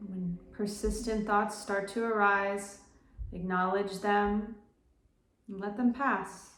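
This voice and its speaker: A woman guiding a slow breath-counting meditation, giving gentle, measured instructions in short phrases with pauses. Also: mid-range voice, steady tone. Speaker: meditation guide. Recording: roomy, echoing sound.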